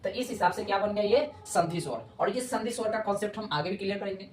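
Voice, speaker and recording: A woman's voice: mid-range voice, fast talker. Echoey grammar teacher, woman. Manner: repetitive, checks understanding often. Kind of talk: explanatory classroom lesson. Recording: echoey room with faint noise.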